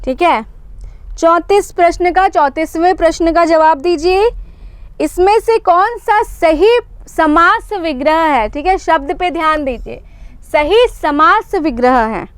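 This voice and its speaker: A woman's voice: extremely high pitch, a little slow, no room sound. A young woman teaches a live online exam-prep class, explaining patiently and checking in with "isn't it?" as she goes. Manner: explains patiently, repeats points and asks "isn't it?" often.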